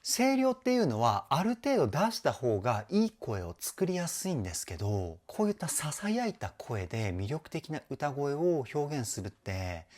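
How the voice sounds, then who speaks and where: A man's voice: medium pitch, darkish tone. A man who works as a vocal coach hosts a reaction video, explaining singing technique step by step with eager admiration. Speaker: vocal coach and YouTube host. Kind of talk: voice analysis reaction commentary.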